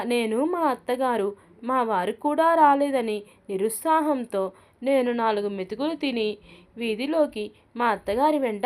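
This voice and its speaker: A woman with a slightly high voice reads a humorous short story aloud. Her telling is lively and expressive, as a regular storyteller would narrate.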